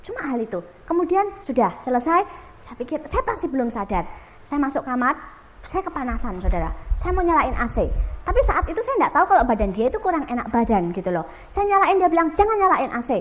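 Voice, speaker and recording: A woman evangelist with an Indonesian accent preaching a sermon, swinging between loud emphatic peaks and low quiet asides. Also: big pitch swings, quick pace.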